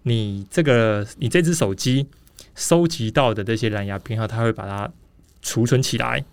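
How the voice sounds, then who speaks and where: A man's voice: on the low side, normal speed, clean tone, no room sound. A man with a Taiwanese Mandarin accent hosting a casual podcast in a rambling, explanatory way, slightly muffled by a face mask. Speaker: podcast host.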